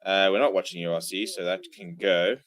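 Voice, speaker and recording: A man's voice: sits low, fairly even intonation, a little fast, fairly bright tone. A man, hungover, chatting casually and commentating as he hosts a live rugby watchalong stream. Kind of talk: casual livestream chat and live sports commentary.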